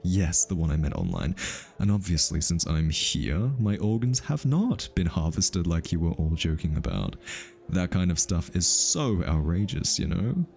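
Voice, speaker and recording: With a low, gravelly, darkish voice and big swings in pitch, the male actor takes his time voicing a lovestruck hitman for ASMR. The heavily acted character teases, gets defensive, and stammers and retreats when flustered.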